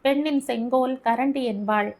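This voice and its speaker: A woman voices a gentle young wife in an audiobook story, speaking in a soft, calm and pleading way. She stays patient under her husband's scolding. The voice is fairly high. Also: moderate pace. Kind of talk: audiobook character reading.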